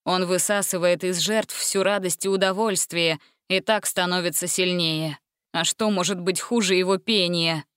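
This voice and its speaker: A gloomy young prisoner who answers in a flat, grim tone, put on by a woman reading a storybook. The voice stays low-key and close to the mic with no room sound. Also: moderate pace, clean tone, no room sound, close to an everyday voice. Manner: grim, deadpan.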